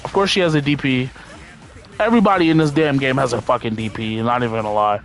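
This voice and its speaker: A man giving casual gameplay commentary in a laid-back, slangy, profane way, rambling and thinking out loud as he plays. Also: medium pitch, fast, faint music behind. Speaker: game streamer.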